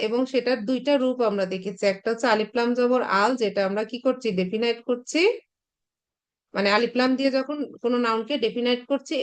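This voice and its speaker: A woman's voice: fairly high pitch, clean tone. Woman teaching patiently. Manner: patient, repetitive explanation with many fillers. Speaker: Arabic teacher. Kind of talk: recorded online class lecture.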